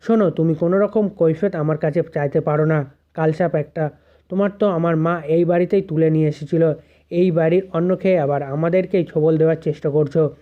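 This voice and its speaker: A man's voice: fairly high pitch, fairly even intonation, a little fast, natural voice. A man reading a scolding angry young wife. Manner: scolding, heated. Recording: tinny phone-like audio.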